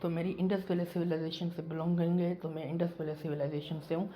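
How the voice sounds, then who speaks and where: A man's voice: on the high side, flat delivery, fast talker, dark tone. Emphatic, repetitive man vlogging. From Pakistan. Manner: repetitive and emphatic, circles back to the same points. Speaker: YouTuber. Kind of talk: casual vlog monologue.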